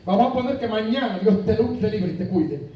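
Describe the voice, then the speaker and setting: A man's voice: high-pitched, expressive, moderate pace, warm tone, slight background noise. A man with a Puerto Rican accent preaching a sermon, asking the congregation questions and telling anecdotes. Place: church sanctuary. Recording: echoey church from far off.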